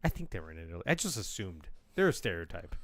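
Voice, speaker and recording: A man's voice: low-pitched, very animated, quick pace, a bit bright. A young man co-hosting a casual film-review podcast, chatty with lots of fillers, reading plot summaries aloud. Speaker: podcast co-host.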